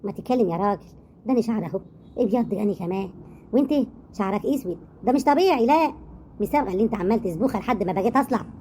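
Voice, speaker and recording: A woman with an Egyptian accent voicing a sharp-tongued older mother-in-law who scolds and mocks. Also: medium pitch, expressive, slight background noise, lightly acted. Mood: accusing. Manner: scolding, mocking, rapid.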